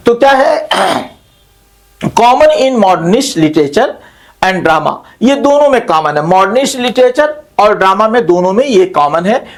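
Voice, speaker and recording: Slow, high-voiced male lecturer. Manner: slow, explanatory, repeats terms and translates each into Hindi; frequent hesitation fillers and self-corrections. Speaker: English literature teacher. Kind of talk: classroom lecture mixing Hindi and English.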